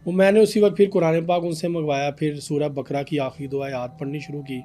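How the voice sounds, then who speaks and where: A young man, a podcast guest telling an animated story about a paranormal case. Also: fairly high pitch, brisk, faint music behind. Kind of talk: casual storytelling in a podcast interview.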